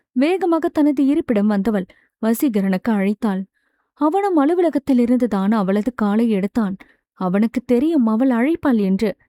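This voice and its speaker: A woman reading a romance novel aloud as audiobook narrator, smooth and measured. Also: on the high side, dark tone, dry recording, studio quality.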